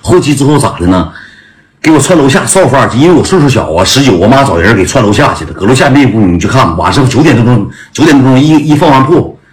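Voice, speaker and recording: A man's voice: mid-range voice, animated, quick pace. A man telling a story to his listeners in a blunt, slangy way, laughing as he goes. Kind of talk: casual storytelling to an audience. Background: music.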